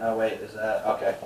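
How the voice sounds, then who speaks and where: A man's voice: lowish voice, fairly bright tone. A man hosting a casual interview at home, joking and laughing often while feeling under the weather. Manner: playful, laughs often, quick asides. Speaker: podcast host. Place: house. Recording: roomy, distant mic, noisy.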